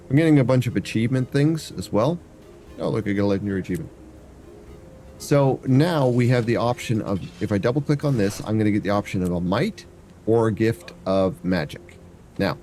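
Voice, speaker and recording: While walking through a game on a live stream, this variety streamer chats and rambles, humming to himself and thinking out loud. He sounds stuffy-nosed, and his voice is on the low side and mellow.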